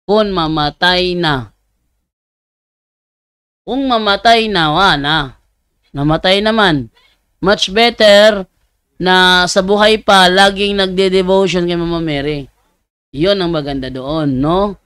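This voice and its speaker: A man's voice: high-pitched, measured pace, fairly bright tone, smooth, no echo. A man, a priest, answering viewers' questions on a live show, reading their messages aloud and then explaining in plain terms.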